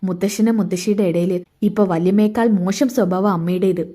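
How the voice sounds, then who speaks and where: A woman's voice: mid-range voice, steady tone, a little fast, dark tone, natural voice. A woman voicing a young man who is bitter and insistent with his mother. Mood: reproachful. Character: young man, angry, protective son.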